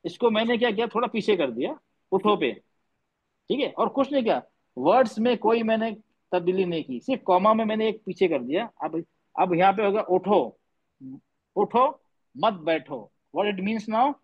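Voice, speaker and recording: A high-pitched, slightly rough male voice, animated and at a moderate pace, leads an online tajweed lesson. He repeats his points and patiently quizzes students, slipping English words into his speech, while the online class audio comes across dull.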